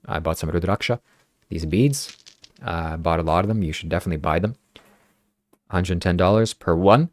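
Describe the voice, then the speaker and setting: There are long pauses in this low-voiced man's moderately paced speech. He's a native Ukrainian speaker hosting a laid-back livestream podcast and sincerely reading out comments from viewers.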